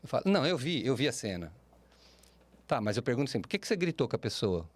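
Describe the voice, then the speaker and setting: Animated Brazilian man with lively pitch. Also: fast talker, no room sound. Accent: Brazilian Portuguese. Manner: animated, expressive pitch swings, frequent tag questions. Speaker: podcast guest, speaker and mentor. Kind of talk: podcast interview.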